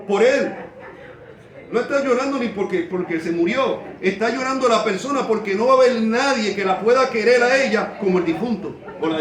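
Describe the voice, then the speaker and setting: A man preaching a sermon as pastor, repeating key phrases slowly and acting out quoted people in quick voices. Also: high-pitched. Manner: slow emphatic repetition of key phrases. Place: church. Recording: echoey church from a distance, faint background.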